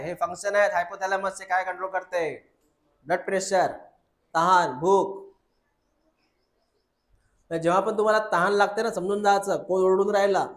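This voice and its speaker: A man's voice: high voice, roomy sound. A male biology teacher lectures a class, drilling students with repeated questions and calling them "beta".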